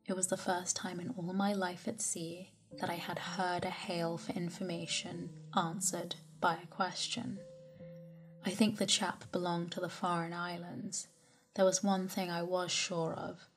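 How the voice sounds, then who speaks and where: Over soft music, a woman with a fairly low voice reads a classic sailing memoir as a sleep story. She goes slowly, softly and calmly, slipping into whispers at times.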